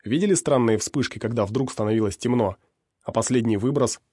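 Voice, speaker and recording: A man voicing a furious scarred male mercenary, shouting defiantly at a crowd in an audiobook. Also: medium pitch, brisk, breathy edge, no echo, studio quality, natural voice. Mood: intense.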